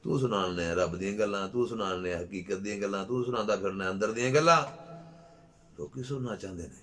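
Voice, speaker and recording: A man's voice: lowish voice, fast. Impassioned Punjabi man giving Sufi talk. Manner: impassioned, rising to loud exclamations. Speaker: Sufi speaker. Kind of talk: spiritual talk.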